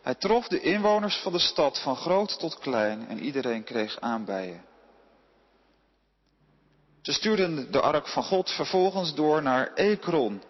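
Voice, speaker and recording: A man reading a Bible passage aloud at a steady pace, now and then correcting a slipped word. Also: fairly high pitch, measured pace, big-room sound, highs cut off. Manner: steady reading with occasional slips and self-corrections. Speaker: scripture reader.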